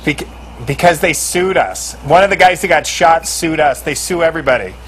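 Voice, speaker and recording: A man's voice: fairly high pitch, moderate pace, slight background noise. A middle-aged man, a guest musician, chatting casually in a dry, plain-spoken way. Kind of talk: casual chat.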